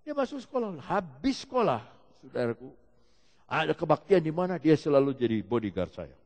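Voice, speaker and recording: A man preaching a sermon, telling stories with lively shifts and calling out to the congregation. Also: on the high side, moderate pace. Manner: animated storytelling preacher, calls out to the congregation. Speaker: pastor. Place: church hall. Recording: long reverb of a large hall.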